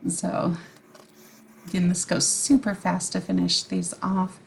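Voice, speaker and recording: A woman's voice: lowish voice, monotone, unhurried, creaky, slight background noise. A woman hosting a casual card-making tutorial as a voice-over, chatty and giggly, with frequent ums. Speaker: card-making video host.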